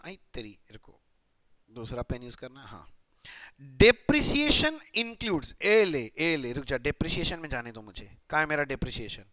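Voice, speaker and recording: A man's voice: a little high, bright, forceful tone, no room sound. A young man teaching accounting in a chatty, playful lecture style, often asking students questions and muttering while he writes. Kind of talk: casual classroom lecture.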